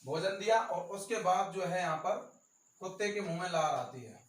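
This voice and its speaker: A male teacher with a Rajasthani accent gives an exam-prep lecture, repeating key terms slowly and stressing them. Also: high-pitched, lively intonation. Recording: echoey room, voice from far off.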